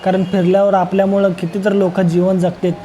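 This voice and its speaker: A man's voice: high voice, flat delivery, fairly quick, mellow, a little hiss or hum, rough recording. A young man from Solapur, narrating a travel vlog in a rambling, joking way and addressing viewers as friends. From Solapur, Maharashtra. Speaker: travel vlogger. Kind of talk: casual travel vlog voice-over.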